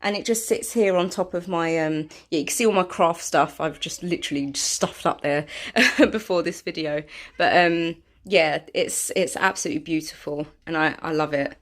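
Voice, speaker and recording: A woman's voice: deep voice, normal speed, fairly bright tone. Woman, casual home vlog, chatty, lots of ums, self-deprecating, indoors. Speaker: vlogger.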